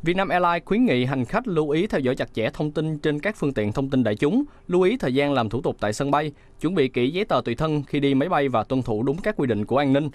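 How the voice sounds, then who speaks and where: Guy doing news voice-over, steady and measured, dead dry booth sound. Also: on the high side, no room sound. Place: studio booth.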